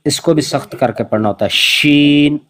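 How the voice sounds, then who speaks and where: A man teaching Quran recitation over an online call, speaking slowly and patiently and repeating each letter sound to demonstrate it. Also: medium pitch, husky. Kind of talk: online pronunciation lesson.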